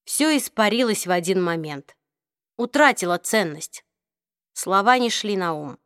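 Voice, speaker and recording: A woman narrates an audiobook in a steady, expressive voice at a middle pitch. She is close to the mic, and the sound is dry, with no room echo. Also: a little slow, clear, resonant tone. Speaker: audiobook reader. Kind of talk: scripted narration.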